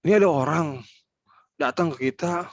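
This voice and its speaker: A man's voice: fairly high pitch, moderate pace, dry recording, muffled recording. A man giving an online training talk, explaining step by step and repeating key points for emphasis.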